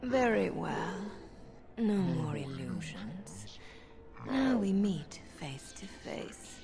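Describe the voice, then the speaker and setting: An actress playing a scheming female demon in a video game, her slow, half-whispered lines sounding layered and demonic. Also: medium pitch, very animated, gravelly, heavily acted. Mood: coaxing, menacing. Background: game music.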